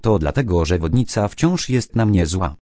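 A man's voice: low-pitched, animated, moderate pace, warm tone, no room sound. A man voicing a worried, apologetic male beaver in a children's story, speaking earnestly and ruefully.

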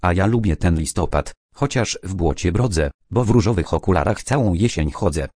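A man narrating children's stories and poems aloud in a clear, even storytelling manner. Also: sits low, a little fast, no room sound, clean studio sound.

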